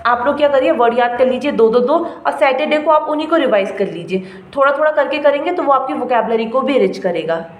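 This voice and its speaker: A young woman giving a casual spoken-English lesson, chatty and encouraging, often checking in with her listeners. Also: sits high. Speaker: English-speaking coach. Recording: echoey room with faint ambient noise.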